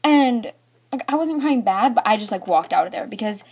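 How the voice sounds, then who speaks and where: Her medium-pitched voice is expressive, a bit mellow and husky, moving at a moderate pace. As a storyteller vlogger, the teenage girl chats casually through something that happened to her, full of fillers and "like" in every line, acting bits out with toys.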